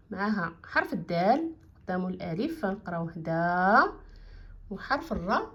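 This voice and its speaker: A woman with a Moroccan Arabic accent teaches young children to read, sounding out each syllable in a slow, drawn-out way. She drops into quicker, plain explanations between the words. Her voice sits at a middle pitch, and the recording is a little dull and lo-fi. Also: husky. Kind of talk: reading lesson for children.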